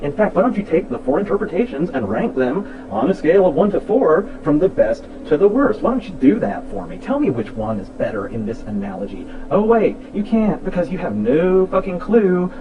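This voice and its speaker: A man rebutting a critic in a heated video debate, sarcastic and heavy on profanity. His voice sits a little high and sounds set back from the microphone. The recording is muffled and lo-fi. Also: recorded from a distance, background noise.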